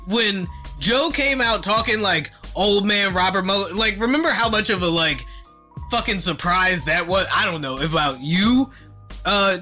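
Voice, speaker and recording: Bright, high-voiced podcast co-host. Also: male voice, soft background music. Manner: animated, profane, laughing, jumps into quick impressions. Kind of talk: casual podcast banter.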